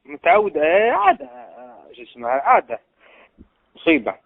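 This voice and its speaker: A man's voice: fairly high pitch, wildly swooping pitch, a little fast, vocal fry, no echo. A man, teasing and blunt in a casual phone chat. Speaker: person receiving a phone call. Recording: tinny phone line.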